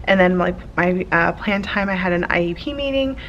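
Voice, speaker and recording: A young elementary school teacher chats casually to a handheld camera in her classroom, upbeat and full of fillers. Her fairly low, expressive, slightly bright voice moves at normal speed, with lo-fi sound and slight background noise.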